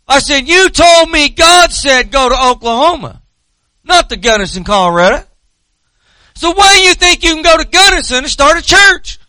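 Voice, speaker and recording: Casting: male preacher, forties, Southern US accent, very high forceful voice, folksy storytelling sermon delivery. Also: no room sound, poor audio. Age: 40s.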